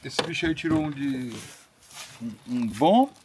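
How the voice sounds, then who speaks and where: An excitable man with a Brazilian Portuguese accent trading slangy banter on a fishing boat. His voice sits a little above the usual male range. Plenty of outdoor noise fills the space around him. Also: a little high, measured pace. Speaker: fishing companion. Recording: outdoor recording with steady background noise.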